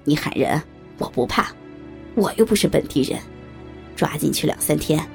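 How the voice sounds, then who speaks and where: A woman voicing a pushy, smooth-talking man who speaks in a low, half-whispered coaxing way. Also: expressive, moderate pace, darkish tone, faint music behind.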